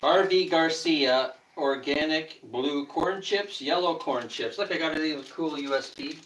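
A man's voice: fairly high pitch, a little slow, a bit bright. A middle-aged man co-hosting a live snack review, reading out labels and greeting viewers. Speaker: co-host. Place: green-screen studio room. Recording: roomy, distant mic with faint noise.

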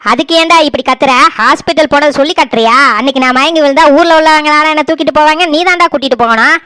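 A woman's voice: high-pitched, quick pace, pushed and bright, dry recording. A woman voicing a scolding village mother-in-law with a Kanyakumari accent. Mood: complaining. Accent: Kanyakumari Tamil. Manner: scolding, self-pitying. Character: sharp-tongued older village mother-in-law.

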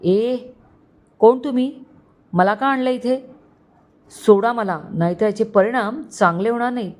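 A woman voicing a frightened captive man who shouts threats in panic. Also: on the high side, a little slow, lightly acted. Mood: panicked.

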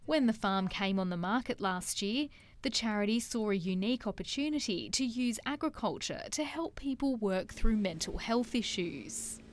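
A woman's voice: medium pitch, animated, a little hiss or hum. Woman narrating a news feature. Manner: measured, clear storytelling delivery. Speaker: reporter. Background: music.

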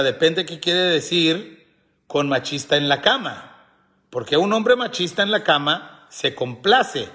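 A man's voice: a little high, sharp tone. A middle-aged man hosting a casual live chat, joking, laughing often and reading viewers' comments aloud. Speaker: host.

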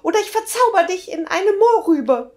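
A woman voicing a witch teacher who is afraid of mice, shrill and loud, in a storybook reading. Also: very animated, normal speed. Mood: shrieking.

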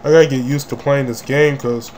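Foul-mouthed man yelling over a game. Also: medium pitch, fairly even intonation, fairly quick, a little hiss or hum. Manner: crude, profane, with sudden loud outbursts. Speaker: gaming channel host. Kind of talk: let's play commentary.

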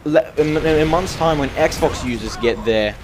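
A man's voice: a little high, normal speed, noisy background. A young man giving casual, rambling commentary over his own gameplay, full of fillers. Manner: rambling, filler-heavy, chatty.

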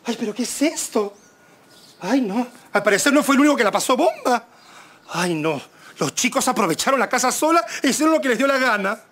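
A man's voice: very high-pitched, lively intonation, a little fast, a bit bright. An actor with a Peruvian accent playing a fussy, flamboyant, gossipy male butler in a sitcom, with a theatrical delivery full of exclamations. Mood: giddy. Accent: Peruvian Spanish. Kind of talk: sitcom acting. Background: music.

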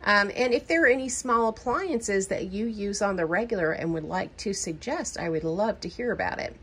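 A middle-aged budgeting vlogger with a Southern American accent chats through a shopping haul at her home kitchen counter, rambling with lots of ums and asides and using baby talk with her cat. Her mid-range voice is expressive, a bit bright and slightly rough, at a moderate pace.

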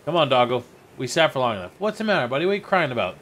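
Animated, jokey male game streamer. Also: medium pitch, rapid-fire, slight background noise. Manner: jokey, talks to his in-game dog and viewers. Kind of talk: casual gameplay commentary.

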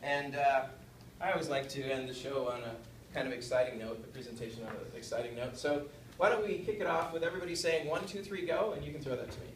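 A man's voice: mid-range voice, fast. A man giving a playful, upbeat conference presentation and leading the audience along. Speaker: conference speaker. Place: conference hall. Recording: echoey hall, far from mic, background noise.

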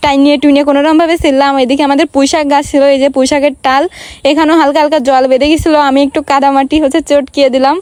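High-voiced chatty young woman vlogger. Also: flat delivery, very fast, darkish tone, no echo. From Bangladesh. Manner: chatty, addresses viewers directly. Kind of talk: casual voice-over narration.

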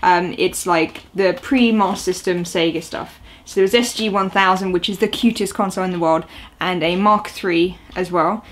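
With a fairly low voice at a moderate pace and hardly any pauses, a chatty young woman rambles through a casual unboxing, full of ums and uhs. She's a video host sitting on a sofa in a small indoor room at home.

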